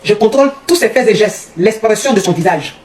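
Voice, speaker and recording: A woman's voice: mid-range voice, expressive, brisk, a little mellow. A woman, a relationship coach telling a personal story to viewers and acting out both sides of the dialogue. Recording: echoey room with faint noise.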